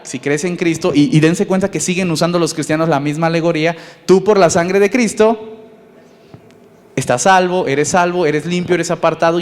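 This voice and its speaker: A man with a Mexican accent preaching a sermon as pastor, lively and conversational, asking his listeners questions. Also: on the high side. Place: church. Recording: long reverb in a church hall.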